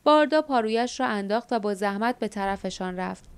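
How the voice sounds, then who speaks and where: Smooth-voiced woman reading an audiobook. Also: medium pitch. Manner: measured, steady reading. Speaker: audiobook narrator. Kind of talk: scripted narration.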